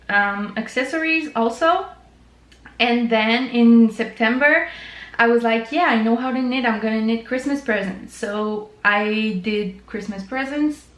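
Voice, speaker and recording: A woman with a French Canadian accent hosts her own knitting channel, chatting casually to the camera in an informal way full of fillers. Her voice is fairly high, and the room sounds echoey.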